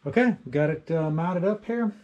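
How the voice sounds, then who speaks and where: A man's voice: fairly high pitch, animated, moderate pace, darkish tone, highs cut off, slight background noise. A middle-aged man explaining a homemade build in a casual workshop how-to, plainspoken with many fillers. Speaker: DIY maker showing a build. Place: cluttered home workshop.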